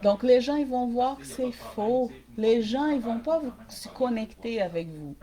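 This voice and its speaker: A woman's voice: on the high side, expressive, unhurried, warm tone. A woman with a mixed Québécois and Brazilian accent, coaching small-business owners in a casual live-stream workshop and often checking in with viewers. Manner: direct, addresses viewers, checks in with "ok?".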